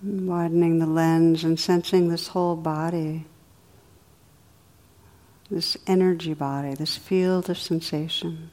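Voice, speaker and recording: A woman leading a guided meditation in a soothing, unhurried way, with soft, drawn-out phrasing. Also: low voice, steady tone. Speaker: meditation teacher.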